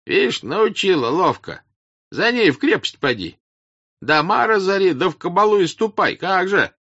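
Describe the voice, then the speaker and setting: A man voicing a defiant crowd of male peasants, shouting loud, drawn-out, stubborn refusals. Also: high voice, sing-song, dry recording, dull audio, voice pushed up, full character voice. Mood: angry.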